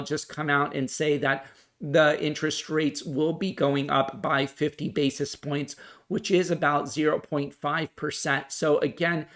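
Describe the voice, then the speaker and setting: A man with a voice on the high side and a bit bright hosts a stock market video, explaining and commenting for viewers. His manner is earnest and emphatic, and he circles back to key points.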